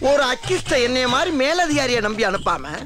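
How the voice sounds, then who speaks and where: An actor playing a boastful, sentimental comic head constable with a high, theatrical voice that swings between bluster and tears, in a film. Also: male voice, big pitch swings, brisk, over music. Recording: film soundtrack with loud score.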